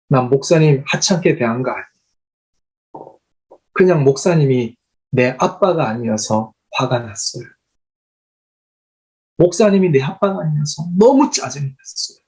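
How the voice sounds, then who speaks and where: A man's voice: medium pitch, darkish tone, lightly acted, poor audio. A man voicing a hurt, bitter teenage schoolgirl within his sermon story.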